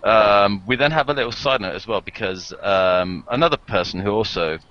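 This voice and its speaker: Bright-voiced rambling English man on a call. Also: fairly low pitch, normal speed. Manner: rambling, laughing often, many fillers. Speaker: channel host. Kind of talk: casual group video call. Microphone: video call. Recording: dull lo-fi call audio.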